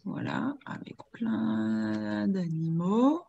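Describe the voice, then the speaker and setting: A woman's voice: medium pitch, very animated, extremely slow, gravelly, dark tone, highs cut off. A woman moderating an online webinar, relaying audience questions and handing over to her co-presenters on a video call.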